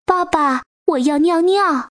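A woman voicing a chirpy group of baby ankylosaurs in a children's storybook, with high, squeaky, childish calls. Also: slow pace, a bit bright, no room sound, clean studio sound, heavily acted. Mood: eager.

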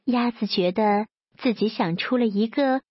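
A woman reads a children's story slowly and gently, her voice a touch high and breathy. The sound is dry and close, with a dull, lo-fi quality. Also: dry recording. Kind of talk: children's story read aloud.

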